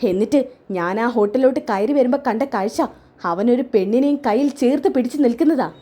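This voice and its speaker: A wounded young wife speaks with bitter defiance, voiced by a woman narrator. Her voice sits high and bright. It is barely set apart from the reader's own voice. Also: fast, natural voice. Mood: hurt, bitter. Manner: sobbing, bitter, defiant complaints. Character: young wife, hurt and angry.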